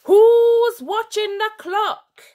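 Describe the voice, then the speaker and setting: A woman voicing a huge, panicky monster general who shouts slowly in broken grammar. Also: very high voice, voice pushed up, exaggerated voice. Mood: bellowing. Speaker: teacher reading aloud.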